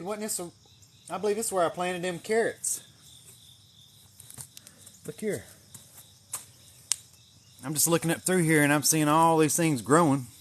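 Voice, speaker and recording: Touring his greenhouse garden on an outdoor livestream, the man rambles along in a relaxed, folksy manner, dropping the occasional mild swear word. His pitch is fairly high, and there's slight noise in the background.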